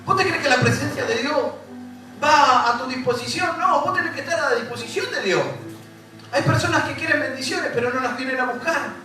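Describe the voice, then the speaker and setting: High-voiced Rioplatense preacher in an echoey hall. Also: male voice, fairly quick, sharp tone. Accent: Rioplatense Spanish. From Uruguay. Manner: preaching with repetition and rising emphasis, addressing the congregation directly. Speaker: pastor. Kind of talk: sermon. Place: church hall. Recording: echoey church hall from far off, music behind.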